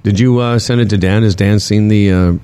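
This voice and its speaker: A man's voice: on the low side, steady tone, a little fast, warm tone, slight background noise. A man hosting a casual talk show, telling stories in an easygoing, chatty way. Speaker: host. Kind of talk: casual radio chat.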